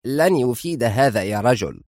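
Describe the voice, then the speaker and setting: A man voicing a stern, fiery female government minister in an audiobook, speaking sharp and curt. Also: mid-range voice, lively intonation, moderate pace, no echo, clean studio sound, close to an everyday voice. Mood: sharp, angry. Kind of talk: audiobook character voice.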